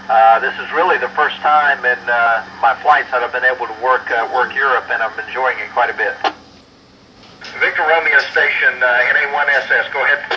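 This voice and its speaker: A man's voice: mid-range voice, fairly even intonation, sharp tone. Man on a crackly ham radio call. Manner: halting, many uh fillers, call-sign phonetics. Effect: ham radio transmission. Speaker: astronaut ham radio operator. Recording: lo-fi distant radio with faint hiss.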